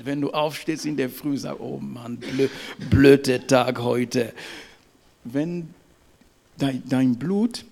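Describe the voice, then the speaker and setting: Gravelly emphatic male preacher. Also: mid-range voice, a little mellow. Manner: emphatic, punctuates with "ja?" and "Amen"; halting, with restarts and fillers. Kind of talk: sermon.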